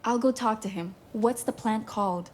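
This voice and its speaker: Woman acting a high-voiced, plucky young sleuth. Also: moderate pace, slight background noise, lightly acted. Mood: eager. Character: plucky, eager young female amateur sleuth. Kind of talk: video game voice acting.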